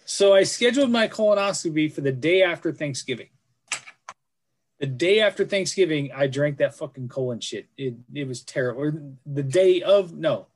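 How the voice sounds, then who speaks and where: A man's voice: on the high side, animated, normal speed. A man in his forties, telling a story in a blunt, profane way during a casual podcast chat. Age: 40s. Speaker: podcast co-host.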